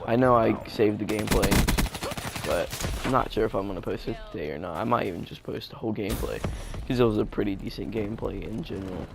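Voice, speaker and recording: A man's voice: on the low side, fast talker, creaky, noisy background. A young man giving live gameplay commentary as a gaming YouTuber, rambling with many fillers and restarts. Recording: gameplay gunfire loud behind. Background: game gunfire and explosions.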